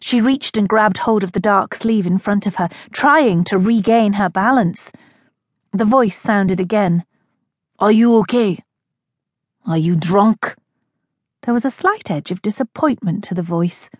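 A woman narrating an audiobook in a measured, expressive way. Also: mid-range voice, no echo. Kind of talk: scripted narration.

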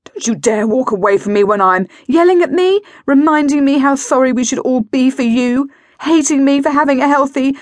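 A woman's voice: on the high side, very animated, moderate pace, few pauses, mellow, slightly rough, no echo, pitched above the performer's own voice. A woman voicing a hurt, angry teenage girl who accuses her mother with a raised voice, in a dry close recording. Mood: accusing.

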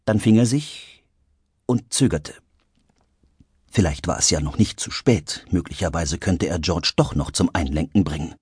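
A man narrating an audiobook in a vivid, expressive storytelling manner. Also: low-pitched, a little slow, slightly rough, no echo. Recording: dry studio recording.

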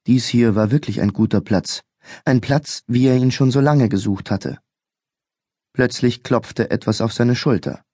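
Male audiobook narrator, measured thriller reading, medium pitch, dry studio sound. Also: mellow, no echo. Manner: measured, clear storytelling. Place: recording studio. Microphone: close studio mic.

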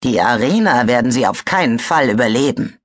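A woman's voice: a bass voice, animated. A woman voicing a cold, menacing male ice dragon who hisses his words. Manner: hissing, slow, icy.

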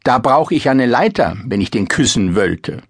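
A man voicing a sharp-tongued, theatrical young princess in a storybook reading. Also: medium pitch, big pitch swings, normal speed, breathy edge, dry recording, clean studio sound. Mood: mocking. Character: haughty, mocking young princess.

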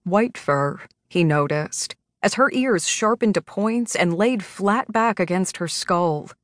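A woman narrating a romance audiobook in an even, measured reading. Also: mid-range voice, dry recording, clean studio sound.

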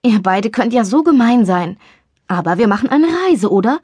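A woman voicing a lively young best friend in an audiobook, talking quickly and eagerly. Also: fairly high pitch, husky, no room sound. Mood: eager, pouting.

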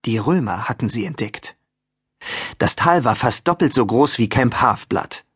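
Male audiobook narrator, husky, lively melody, dry studio sound. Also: mid-range voice, a little slow, no echo. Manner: expressive, even storytelling. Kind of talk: scripted narration.

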